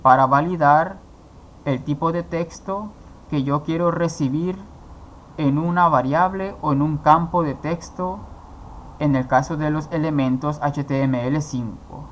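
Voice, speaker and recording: A man's voice: fairly high pitch, a little slow, slight background noise. A man teaching a coding course, explaining each step and asking himself questions before answering them. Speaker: programming instructor. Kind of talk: screen-recorded coding tutorial.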